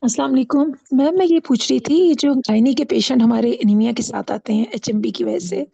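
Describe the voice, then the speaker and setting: A woman's voice: a little high, brisk, dark tone, no echo. A woman, a trainee doctor, politely asking her teacher a question over an online call whose audio breaks up and cuts out. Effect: online call audio breaking up and cutting out. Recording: choppy, dull, lo-fi online call line, gravelly and husky, dry.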